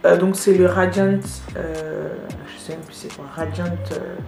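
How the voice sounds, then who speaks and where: A woman's voice: lowish voice, fairly even intonation, unhurried, vocal fry, darkish tone, reverberant, soft background music. A woman vlogger chatting casually with lots of fillers while she does her makeup. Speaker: beauty vlogger. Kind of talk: casual get-ready-with-me makeup narration.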